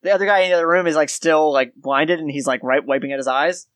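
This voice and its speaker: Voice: medium pitch, quick pace, a bit bright, no room sound, studio quality. A game master narrating a tabletop game in an informal, descriptive way.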